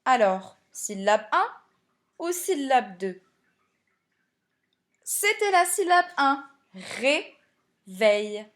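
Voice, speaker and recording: Slow, clear-spoken woman teaching spelling. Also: high-pitched, very animated, fairly bright tone. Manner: slow, clear classroom explanation, addressing pupils directly. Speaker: primary school teacher. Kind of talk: recorded spelling lesson.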